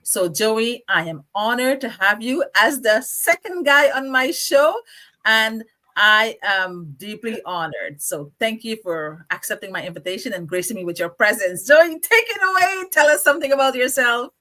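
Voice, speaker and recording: A bright-voiced middle-aged woman from Guyana hosts a live online chat show. She talks with eager enthusiasm and gushing praise, often breaking into laughter. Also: fairly high pitch, lively intonation, moderate pace. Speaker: show host.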